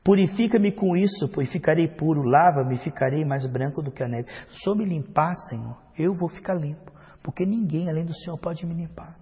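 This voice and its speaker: A male pastor preaching a sermon, swinging from loud emphatic outbursts to hushed, prayerful passages. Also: fairly high pitch, lively intonation, normal speed, breathy edge. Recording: dull lo-fi sound with long hall reverb.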